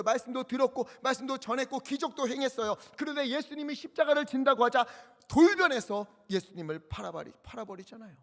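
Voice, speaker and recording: Male pastor, very high voice, impassioned sermon with soft-to-loud swings, reverberant church hall, faint music. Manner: impassioned preaching, swinging from hushed murmurs to cries. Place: church sanctuary.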